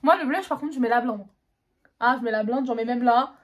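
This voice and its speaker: A woman's voice: a little high, fairly quick, muffled recording. Slangy, self-mocking young Frenchwoman. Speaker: beauty vlogger. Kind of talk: casual makeup tutorial chat.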